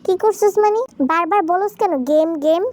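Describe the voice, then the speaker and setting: A woman's voice: very high voice, moderate pace, darkish tone, voice pushed up. Woman as a testy young groom, short replies, easily annoyed. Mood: irritated. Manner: curt, snapping. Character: grumpy young husband, short-tempered.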